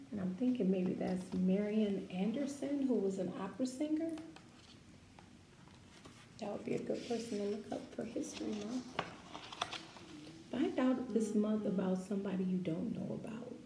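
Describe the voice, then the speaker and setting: During children's story time, a woman reads a picture book aloud in an expressive, deliberate way, tossing in casual asides and questions for the young listeners. Her voice sits in the mid-range and has a creaky quality. The room echoes noticeably, and there's faint noise in the background.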